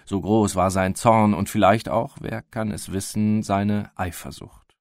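A man reading a classic story aloud in a measured, calm studio narration. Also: on the low side, no room sound. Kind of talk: scripted literary narration.

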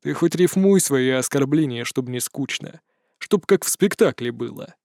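Dude doing a sarcastic lizard wizard, deadpan teasing, storybook read. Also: male voice, medium pitch, normal speed, gravelly, no echo. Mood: mocking. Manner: mocking, dry, stubborn. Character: wry sardonic lizard-man mage.

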